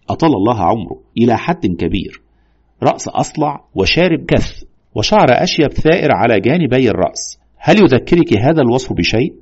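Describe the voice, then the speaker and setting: A man playing a husky, shrewd doctor. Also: mid-range voice, lo-fi sound. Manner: measured, reasoning, lively. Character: calm, shrewd male doctor investigating a haunting. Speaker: doctor listening to a patient's story. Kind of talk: audio horror drama.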